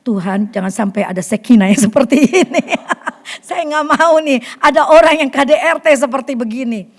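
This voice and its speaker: A woman preaching a sermon to a fellowship group in a church hall, animated, acting out quotes and swinging from loud to hushed. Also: high voice, normal speed. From Indonesia. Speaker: women's fellowship leader.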